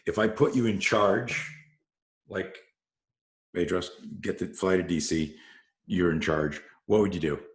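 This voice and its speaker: A man's voice: low-pitched, unhurried, pauses often. A male podcast host asking questions in a laid-back, rambling way. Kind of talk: casual interview questions. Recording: echoey room.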